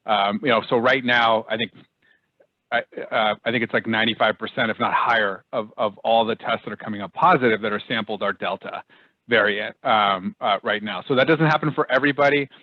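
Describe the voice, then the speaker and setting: A man's voice: on the low side, fairly even intonation, a little fast, no room sound. A man on a video call, explaining public health testing with many fillers and restarts. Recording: dull, dry video call audio.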